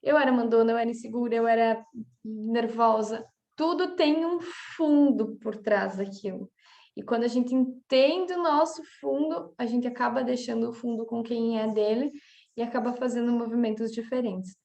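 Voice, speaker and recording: A woman's voice: on the high side, moderate pace, vocal fry, a little mellow, muffled recording. A woman with a Brazilian Portuguese accent, a coach giving a casual spoken lesson that she works through with examples and frequent "tá?" checks. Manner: talks through examples, with many filler checks like "tá?". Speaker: coach teaching a class.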